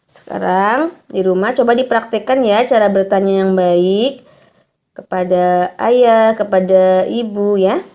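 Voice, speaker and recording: A woman teacher giving a recorded lesson to young children, explaining slowly and patiently and reading example sentences with exaggerated intonation. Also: mid-range voice, dark tone.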